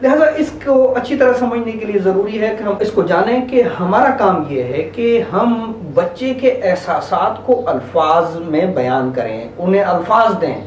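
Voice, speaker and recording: Guy giving a parenting lesson, pitch jumps around a lot, earnest, lots of rhetorical questions, sounds a bit far from the mic. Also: animated, unhurried, hardly any pauses, slight background noise. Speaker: parenting teacher. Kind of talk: instructional talk to parents. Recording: echoey room, voice from a distance.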